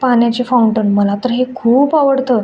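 A woman's voice: a little high, moderate pace, natural voice. A woman voicing a cheerful, chatty young woman friend who talks eagerly. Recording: dull lo-fi with faint noise.

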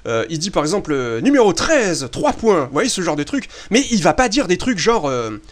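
A young man from France giving chatty, excitable commentary over a basketball video game, swearing casually and filling pauses with hesitations. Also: on the high side. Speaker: gaming video host. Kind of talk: casual let's-play commentary.

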